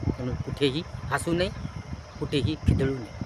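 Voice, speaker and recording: A man's voice: mid-range voice, normal speed, background noise. A man giving a preachy moral talk, listing near-synonyms in long repetitive chains. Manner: earnest, preachy. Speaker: motivational speaker. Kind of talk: moral advice monologue.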